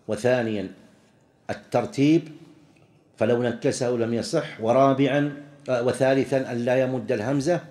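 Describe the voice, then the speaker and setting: A man in a lesson, explaining a text point by point in an average-pitched voice. He slows down to spell out examples and repeats key phrases. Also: a little mellow, echoey room. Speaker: teacher of Islamic jurisprudence. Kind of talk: lesson commentary on a read text.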